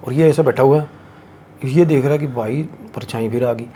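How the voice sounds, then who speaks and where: A man's voice: medium pitch, normal speed, mellow, husky. A man hosting a podcast, telling a horror story in a casual, crude and slangy way full of swearing.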